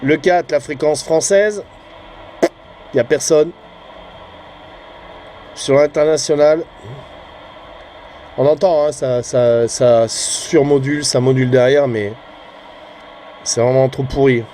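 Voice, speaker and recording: He speaks slowly in a warm, mid-range voice, leaving long pauses, with a little background noise present. As an amateur CB radio fan and channel host, he gives rambling, hesitant vlog commentary that keeps trailing off with tag words.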